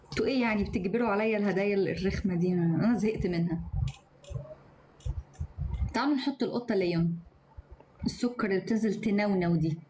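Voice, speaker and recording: Quick, sharp-tongued Egyptian woman streamer. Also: medium pitch, slight background noise. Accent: Egyptian Arabic. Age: 20s. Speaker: live streamer. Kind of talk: live stream chat reading comments. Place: indoors at home.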